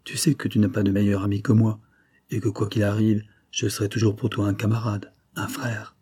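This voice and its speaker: Heard from a low, dark, husky voice, this is an earnest middle-aged banker, anxious and pleading, read by a man narrating a novel. He presses every word with emotion. The tone stays mellow and rough. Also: level tone, a little fast. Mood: tender, pleading.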